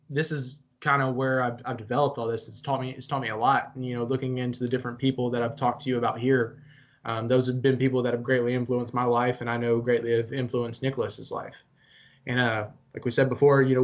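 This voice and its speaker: A young man co-hosting a casual chat, talking earnestly and motivationally, with some swearing. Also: medium pitch. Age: young adult. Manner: earnest, pep-talk delivery with some swearing. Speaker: podcast co-host. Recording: slightly dull lo-fi audio.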